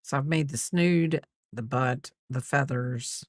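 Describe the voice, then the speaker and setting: In a rumbling low voice and at a slow pace, a middle-aged crochet host chats casually while counting stitches out loud, wandering off topic, trailing off and repeating herself. The sound is studio quality with no room sound.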